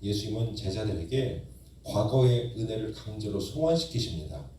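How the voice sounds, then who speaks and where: A man pastor preaching a Sunday sermon in a church, with rising emphasis and slow, drawn-out lines. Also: on the low side, lively intonation, warm tone, slight background noise. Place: church sanctuary. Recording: very echoey church hall, distant mic.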